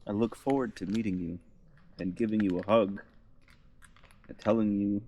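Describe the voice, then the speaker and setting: A man with a very low, deep voice talks earnestly to his viewers from a campsite in the woods. He sounds emotional and sincere, as if holding back tears. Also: steady tone, moderate pace, warm tone, slight background noise. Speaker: vlogger. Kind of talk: heartfelt vlog monologue. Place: forest campsite outdoors.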